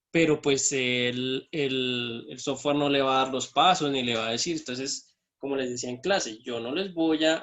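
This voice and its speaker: Man teaching math step by step. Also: mid-range voice. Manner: explains step by step, often checks with "¿sí?". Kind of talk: online math lesson with screen sharing.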